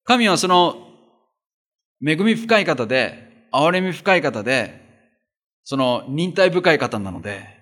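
A man works through a Bible chapter in a measured reading voice with a middle pitch. Between passages he stops and explains the text in an easy, conversational way, as a pastor speaking to his congregation. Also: very animated, fairly bright tone. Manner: reads scripture steadily, then explains in a plain conversational tone. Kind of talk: Bible reading with sermon commentary.

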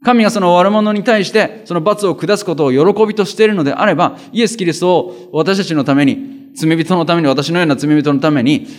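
A man preaching as a pastor, in a lively, colloquial way with vivid sound words. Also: fairly high pitch, fairly quick. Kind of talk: conversational sermon.

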